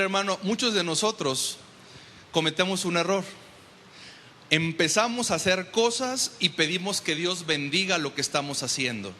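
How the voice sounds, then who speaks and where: A man's voice: high voice, sharp tone, in a large hall, slight background noise. A man preaching a sermon as pastor in a church, emphatic and often asking the congregation to confirm.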